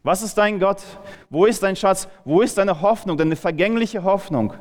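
A man's voice: high-pitched, moderate pace, long reverb tail. A man preaching a sermon in a casual, conversational way, asking his listeners rhetorical questions.

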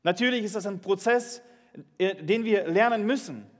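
A man's voice: sits high, normal speed, big-room sound. A man preaching a sermon, reading Bible verses and putting earnest questions to his congregation. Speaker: pastor.

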